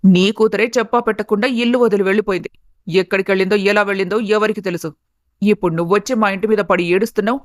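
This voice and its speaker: A woman voicing a harsh, scornful middle-aged mother-in-law who taunts and scolds with sharp sarcasm, as a storybook character voice. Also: medium pitch, fairly quick, no room sound, studio quality, close to an everyday voice. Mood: scolding.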